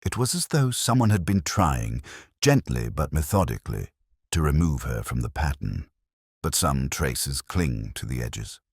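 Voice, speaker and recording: Very deep, brooding Inspector Morse, read by a man. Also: sing-song, husky, dry recording, studio quality, exaggerated voice. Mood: brooding, melancholy. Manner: measured, literary, wry, reflective. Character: brooding male police inspector, literate, melancholy, wry narrator. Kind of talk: scripted first-person detective drama narration.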